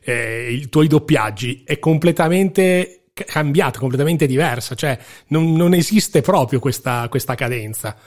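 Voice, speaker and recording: A man's voice: on the high side, expressive, a little slow, hardly any pauses. A man interviewing a guest, agreeing often with short interjections. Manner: frequent brief agreeing interjections. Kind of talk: conversational interview.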